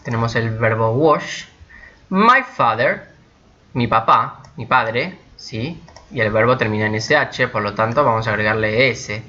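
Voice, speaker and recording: Man teaching grammar, bright clear voice, native spanish speaker, keeps checking in, slightly dull lo-fi sound. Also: mid-range voice. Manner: explains step by step, checks in with "¿sí?" and "¿ok?"; slows down and stresses English example sentences. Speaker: English teacher. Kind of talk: recorded grammar lesson. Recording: dull lo-fi recording.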